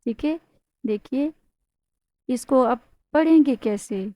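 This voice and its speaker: A Quran recitation teacher with a high, mellow voice leads a Tajweed lesson, patiently explaining each step and putting questions to her students. She draws out example words with a nasal hum, and there's no room sound.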